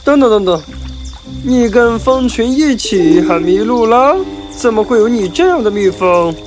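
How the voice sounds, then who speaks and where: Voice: medium pitch, lively intonation, unhurried, music in the background, close to an everyday voice. An actor voicing a blunt, teasing, exasperated grasshopper who banters like a know-it-all in a children's story. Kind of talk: children's audio story character acting.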